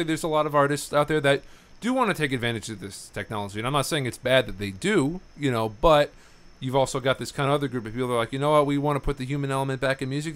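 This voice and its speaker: A man hosting a casual podcast interview. He rambles through long questions, full of little fillers, and keeps up a steady stream of mm-hmms while his guest talks. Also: mid-range voice. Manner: rambling, frequent affirmations and fillers. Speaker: podcast host.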